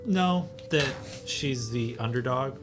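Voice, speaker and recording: A man playing in a tabletop game, speaking hesitantly with many pauses and fillers. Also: medium pitch, music in the background. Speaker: player. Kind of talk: casual tabletop banter.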